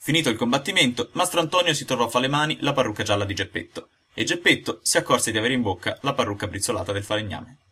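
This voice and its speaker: A man reading a classic tale aloud in lively scripted narration. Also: medium pitch, fast talker, few pauses, slightly rough. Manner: lively storytelling delivery. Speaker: audiobook reader.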